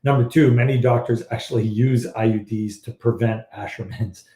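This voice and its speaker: A man who is a fertility doctor, originally from Iran, answering viewer questions in a casual live chat, blunt and animated. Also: mid-range voice, normal speed, echoey room. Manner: blunt, animated, exasperated at odd claims.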